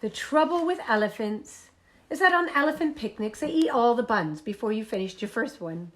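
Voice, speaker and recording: A woman leading a toddler group, coaxing the children through songs and movement games and reading them picture books in an animated sing-song voice. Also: on the high side, normal speed. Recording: echoey room.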